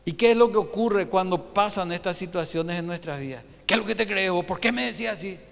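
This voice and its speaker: High, bright-voiced man preaching in a reverberant church. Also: brisk, gravelly. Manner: animated preaching with rhetorical questions to the congregation. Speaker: pastor. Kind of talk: Sunday sermon. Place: church hall.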